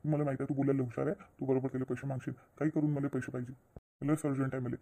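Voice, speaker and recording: Someone doing a pushy cartoon guy begging for money, super fast, dark mellow voice. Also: medium pitch, flat delivery, lightly acted. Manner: insistent, pleading. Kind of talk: cartoon voice acting.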